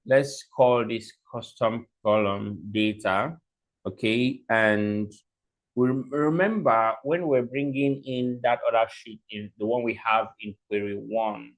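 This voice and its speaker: A man giving a step-by-step software tutorial, dictating what to type piece by piece and often checking in with short tags. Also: on the low side, poor audio. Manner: dictating code symbol by symbol; frequent check-in tags like okay and right. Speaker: software instructor.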